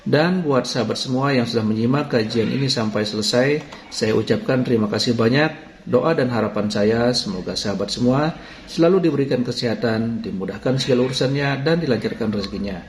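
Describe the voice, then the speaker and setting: A man reading a formal, prayerful scripted closing for a religious channel. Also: mid-range voice. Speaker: channel narrator. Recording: echoey room with faint noise.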